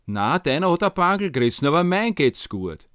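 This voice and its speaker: A man plays a quarrelling mother from a story told in Viennese dialect. She argues emphatically and colloquially before a king. The voice is lifted in pitch, in a dry recording. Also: sing-song, normal speed, fairly bright tone, smooth, no echo. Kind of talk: acted dialogue in dialect storytelling.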